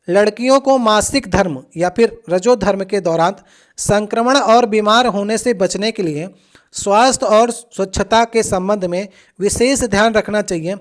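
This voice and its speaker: A coaching teacher patiently talking through past exam questions, addressing the students directly and often checking in with them. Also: medium pitch.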